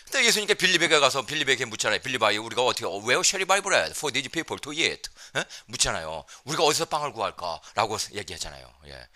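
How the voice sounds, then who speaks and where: A man delivers a sermon in a church with a bright, forceful tone. His pitch swings widely as he talks, playful and animated. He keeps checking in with the congregation and slips English phrases into his speech. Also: brisk, few pauses, no room sound. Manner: lively, playful, mixes in English phrases, frequent "예?" prompts to the congregation. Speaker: missionary preacher. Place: church sanctuary.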